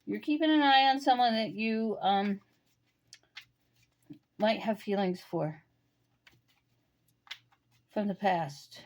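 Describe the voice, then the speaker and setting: A woman giving an intuitive tarot reading, musing and talking straight to the listener with pauses and fillers. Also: mid-range voice, highs cut off. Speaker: tarot reader.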